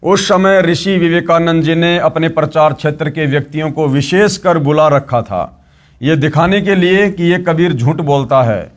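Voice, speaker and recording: A man narrates a devotional story and breaks off to preach. He talks earnestly to his brothers and sisters. His voice sits slightly high for a man. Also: moderate pace. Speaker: religious storyteller.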